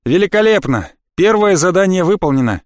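A man voicing a smug, arrogant male elf who speaks with smooth, condescending politeness in an audiobook. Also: sits high, big pitch swings, fairly quick, no echo, clean studio sound, pitched above the performer's own voice. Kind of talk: audiobook character voice.

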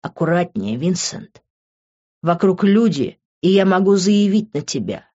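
A woman's voice: on the low side, sing-song, measured pace, warm tone. A woman reading an audiobook, voicing a cocky young man who taunts his rival. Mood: smug. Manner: smug, taunting. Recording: dull lo-fi recording.

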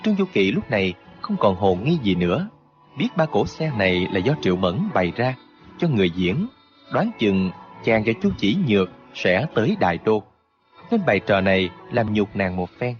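Male audiobook narrator, low voice, lively intonation, dull lo-fi sound, faint music. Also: normal speed. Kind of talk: scripted narration of a martial arts novel.

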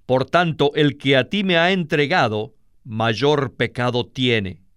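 A calm, solemn male teacher, read by a man with a slow, grave delivery. the voice is smooth and clear, a little above average pitch. dry, close recording. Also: no echo.

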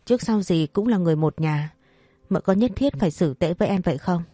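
A woman voicing a scheming pregnant young maid who wails and pleads fast in fake tears. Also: fairly low pitch, animated, dark tone, no echo. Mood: whiny.

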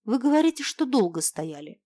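A woman's voice: on the high side, very animated, fairly quick, warm tone, pitched above the performer's own voice. A woman voicing a bold young woman who presses with earnest questions.

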